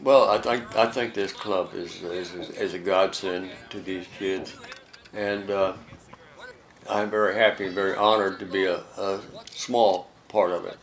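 A very old American man in his late eighties, talking reflectively in an interview, halting and repeating words as he goes. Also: low-pitched, fairly even intonation. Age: late 80s. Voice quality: very old man's voice. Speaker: volunteer youth tennis coach.

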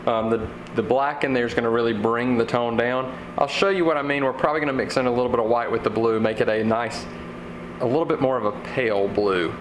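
A young man talks casually through a hands-on project, relaxed and chatty. His mid-pitched voice is picked up by the camera mic and rings around a bare garage, with steady noise behind him. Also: fast talker. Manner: relaxed, chatty, thinking aloud with fillers. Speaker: fishing channel host. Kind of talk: casual how-to vlog. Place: home garage workshop. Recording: echoey garage with background noise.

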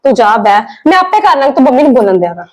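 A protective elder sister-in-law in a family drama, played by a woman. She talks fast and high, firm and insistent. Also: big pitch swings, darkish tone.

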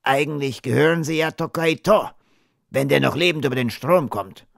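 A worldly cowboy teases and frets, as a male narrator plays him. The figure sits higher than the reader's own voice. The storybook recording is dry and close. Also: normal speed, gravelly, no room sound. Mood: wary. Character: adult cowboy, teasing and wary.

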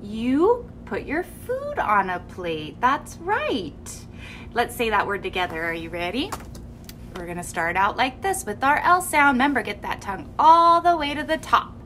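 A young woman teaching small children speech in a playful, expressive way, modeling sounds and words slowly with exaggeration. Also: fairly high pitch, a little hiss or hum. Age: young adult. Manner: animated, expressive, gasping in mock surprise. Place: small indoor room with curtain backdrop.

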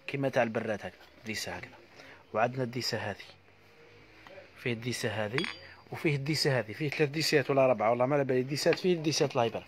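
A man with an Algerian accent giving a live sales pitch in a shop, repeating prices and stock blessing phrases as he hawks his goods. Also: a bit bright. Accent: Algerian Arabic. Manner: rapid, repetitive hawking with stock blessing phrases. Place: inside a household goods shop.

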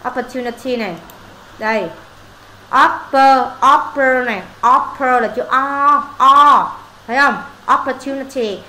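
During casual one-on-one homework tutoring in English, a woman fires questions at her pupil, scolding and teasing him when he gets answers wrong. Her high voice is sharp and slow-paced, in an echoey room with faint ambience.

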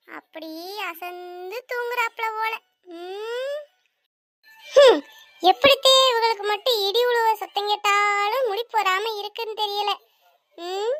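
A woman voicing a loud, nagging cartoon mother. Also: very high-pitched, dry recording. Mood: grumbling. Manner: shouting, scolding, sarcastic. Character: angry nagging village mother, loud and quick-tempered. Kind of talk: cartoon voice acting.

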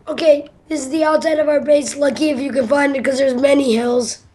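Easygoing female gamer, high voice, casual chatty commentary. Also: steady tone, brisk, darkish tone. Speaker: gamer recording a multiplayer session. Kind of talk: casual gameplay chat.

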